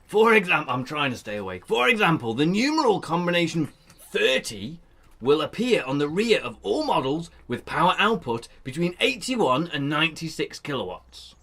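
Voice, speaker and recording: A man's voice: fairly high pitch, big pitch swings, normal speed, a bit bright. A man co-hosting a casual car news chat in a shed, joking and reading a press release aloud. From United Kingdom. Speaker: podcast co-host.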